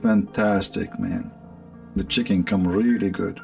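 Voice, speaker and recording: A low, gravelly voiced man with an Arabic accent hosts a casual stream, rambling and sarcastic, breaking into laughs. Faint music plays behind him. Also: fairly even intonation, measured pace, a little mellow. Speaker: livestream host. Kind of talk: casual joking monologue.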